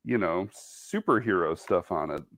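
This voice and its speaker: Low-voiced but fairly bright in tone, this man speaks expressively at normal speed. He's a sewing ambassador giving a relaxed, talkative live-stream demo, self-deprecating and humming or beeping softly as he sews.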